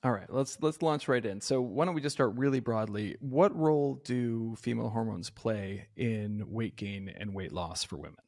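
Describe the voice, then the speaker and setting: A man hosting a podcast interview in a relaxed, easygoing way, with frequent ums. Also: mid-range voice, normal speed, hardly any pauses. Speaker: podcast host and physician. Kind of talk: casual interview conversation.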